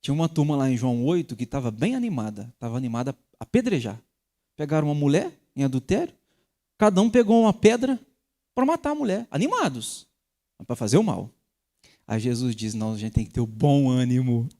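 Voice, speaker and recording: Male pastor, sermon, very lively pitch swings, emphatic peaks. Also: a little fast. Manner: animated preaching with sharp emphatic rises. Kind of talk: sermon teaching.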